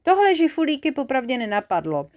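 A woman reading a children's story aloud in a lively, expressive way. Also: high-pitched.

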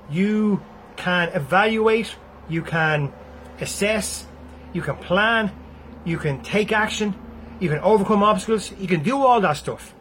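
A man's voice: high voice, slightly rough. A man with an Irish accent giving a blunt, freely swearing motivational talk to his viewers. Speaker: motivational speaker.

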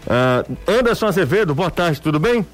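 Guy hosting sports radio, slightly high voice, talks like his tongue is sore and swollen, music under him. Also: very animated, normal speed. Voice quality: slightly impeded speech from a sore, bitten tongue. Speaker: radio show host. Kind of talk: conversational sports radio talk. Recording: music bed behind the voice.

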